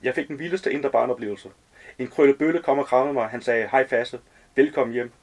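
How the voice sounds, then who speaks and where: A man's voice: medium pitch, fairly even intonation, darkish tone, lightly acted. Chatty, slangy fortyish man, nosy and overly familiar, read by a male author.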